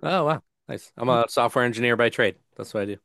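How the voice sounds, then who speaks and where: A man's voice: mid-range voice, gravelly, fairly bright tone, no echo. Man, from the US, casual interviewer, resonant voice, dry recording. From United States. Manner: halting questions with fillers.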